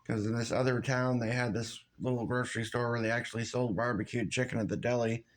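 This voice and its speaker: Man, casual vlog rant, cursing a lot, rambling, frustrated, mid pitch. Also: little pitch movement, fast talker. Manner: profane, rambling, loose and frustrated. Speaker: vlogger.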